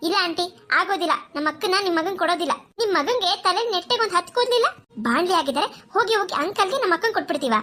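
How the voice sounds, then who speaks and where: Blunt young sister. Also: female voice, very high voice, lively intonation, racing, pushed and bright, exaggerated voice. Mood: blunt defiant. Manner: blunt, defiant. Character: blunt outspoken young woman, bride's sister. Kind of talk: cartoon voice acting.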